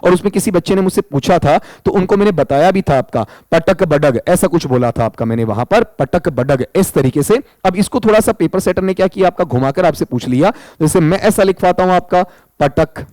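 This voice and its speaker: A man's voice: sits high, animated, a little fast, darkish tone, no room sound, poor audio. A male exam-prep teacher, walking students through answers and breaking words into single sounds. He speaks close to the mic in a dry, dead room. His tone stays patient and explanatory. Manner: addresses students as "beta", spells sounds out one by one.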